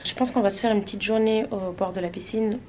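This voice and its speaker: A woman's voice: mid-range voice, steady tone, quick pace, a little mellow, a little hiss or hum. A woman from Switzerland chatting casually to her vlog viewers, rambling with many hesitations. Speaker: vlogger.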